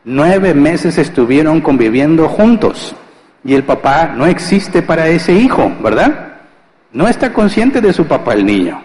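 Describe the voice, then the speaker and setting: A man's voice: a little high, darkish tone, long reverb tail, poor audio. A male pastor giving a conversational sermon, asking rhetorical questions and acting out family scenes with humor. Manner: conversational, asks rhetorical questions and answers them; acts out household scenes with humor. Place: church.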